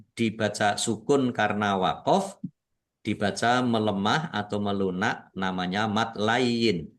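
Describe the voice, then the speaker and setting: A man from Indonesia teaching Quran recitation rules, patiently explaining each rule and drawing out the words he recites. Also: mid-range voice. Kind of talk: tajwid lesson with slow recitation.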